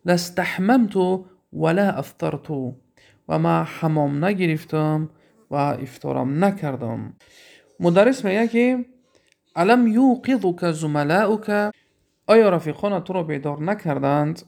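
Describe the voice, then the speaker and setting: A man with a Tajik accent teaches grammar, his voice gravelly and a bit high. He reads phrases out slowly, then rushes through the explanations and keeps asking his listeners questions. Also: expressive, darkish tone. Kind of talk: classroom lesson explaining Arabic text in Persian.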